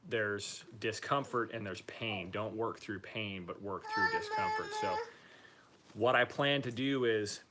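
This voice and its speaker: A man talking informally and upbeat in a casual video diary, using relaxed slang as he gives a personal recovery update. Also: lowish voice, a little slow, heavy background noise. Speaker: patient giving a recovery update.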